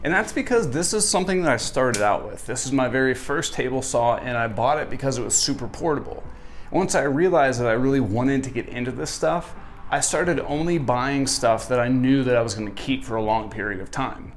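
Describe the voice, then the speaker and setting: A young man in his twenties, host of a woodworking channel, giving a casual, friendly tour of his small garage workshop with a dry sense of humor, on a lapel mic. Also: medium pitch. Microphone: wireless lapel mic.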